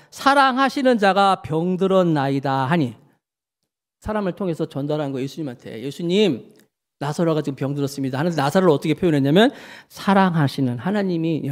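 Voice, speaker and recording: A man, the church's pastor, preaching a sermon, asking the congregation questions and acting out people's words. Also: high voice. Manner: animated, asks the congregation questions; acts out people's words in quotes.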